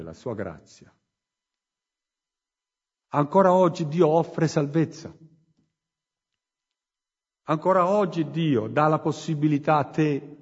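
Preacher, man, higher voice with a husky edge; slow emphatic sermon, muffled and reverberant hall. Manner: slow, emphatic, swings from loud to hushed.

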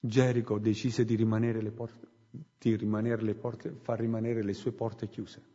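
A man preaching a sermon in a church hall, slow and emphatic, swinging between loud and hushed phrases. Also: lowish voice, little pitch movement. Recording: muffled recording with long hall reverb.

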